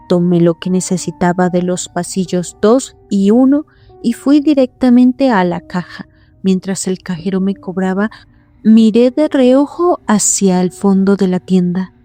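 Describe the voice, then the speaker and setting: Woman narrating a horror story, mellow voice. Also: mid-range voice, faint music behind. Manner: measured, suspenseful first-person telling.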